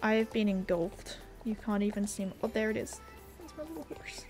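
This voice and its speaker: A young woman chats casually on a livestream while playing a horse game, reading out viewer messages through her headset at her home gaming setup. She sounds animated and brisk, with a medium-pitched, darkish voice over soft background music.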